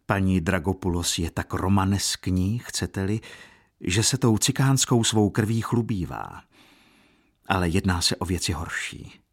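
A man reading a calm, grave count. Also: low-pitched. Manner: measured, grave, warning. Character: calm, worldly older nobleman, a count.

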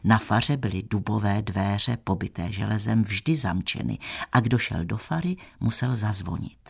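Gravelly, husky male storyteller. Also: lowish voice. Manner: measured, old-fashioned storytelling. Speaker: audiobook narrator. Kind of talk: scripted narration of a classic tale.

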